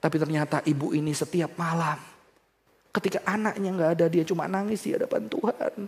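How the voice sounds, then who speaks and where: A man preaching a sermon, swinging between soft low passages and loud, high emphatic bursts, and addressing the congregation directly. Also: steady tone, brisk, big-room sound. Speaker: pastor.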